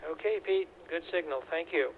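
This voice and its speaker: A man's voice: a little high, a little fast. A man running an amateur radio net roll call, talking unhurriedly with many fillers, heard over a two-way radio. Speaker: net control station operator. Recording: tinny radio with faint static.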